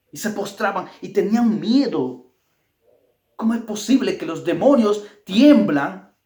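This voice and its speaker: A man's voice: high voice, a little mellow. Emphatic man preaching in an echoey room. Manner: emphatic and repetitive, hammering phrases. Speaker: Bible study teacher. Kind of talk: Bible study sermon.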